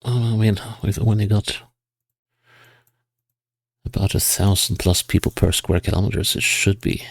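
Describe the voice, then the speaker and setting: A man giving casual gameplay commentary, musing to himself and reading signs and place names aloud in a husky voice. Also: lowish voice, fairly even intonation, normal speed, dry recording. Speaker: GeoGuessr player.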